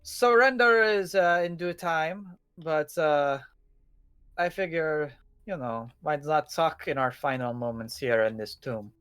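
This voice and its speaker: A man with a Dutch accent voicing a smug male cult leader who taunts calmly and politely. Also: a little high, unhurried, clean tone.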